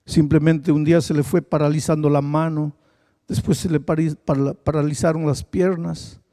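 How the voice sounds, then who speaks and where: A male pastor preaching a sermon, telling a story and building to loud, impassioned appeals. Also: on the high side, little pitch movement, normal speed. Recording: long hall reverb.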